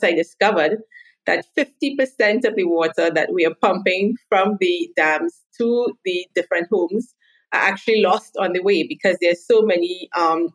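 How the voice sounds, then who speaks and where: A woman's voice: on the low side, low-quality recording. A woman in her thirties from Trinidad and Tobago, chatting as a podcast guest and telling stories from her work. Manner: chatty storytelling. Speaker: guest, marketing consultant. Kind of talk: podcast interview.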